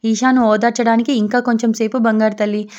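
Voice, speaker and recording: A woman voicing a nervous young husband who gently pleads with his wife during the birth. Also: on the high side, little pitch movement, brisk, lo-fi sound, lightly acted. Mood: pleading. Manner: soft and pleading.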